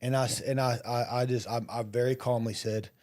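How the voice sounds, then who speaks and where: Male podcast host, dark warm tone, relaxed conversational storyteller. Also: medium pitch, brisk. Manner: frequent affirming back-channel, rambling anecdotes. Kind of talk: casual podcast interview.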